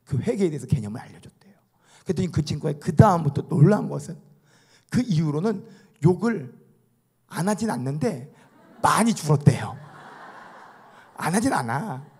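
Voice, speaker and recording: Animated husky-voiced male preacher. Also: a little high, normal speed, pauses often. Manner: animated, calls for amens and hallelujahs. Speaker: pastor. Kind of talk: sermon. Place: church sanctuary.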